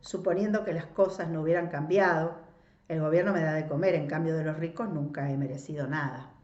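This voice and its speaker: A woman's voice: sits low, steady tone, a little fast, a little mellow, natural voice. Female reader doing an ironic, arrogant godson, slightly raised voice, muffled echoey take. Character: proud middle-aged ironic man, a returning godson.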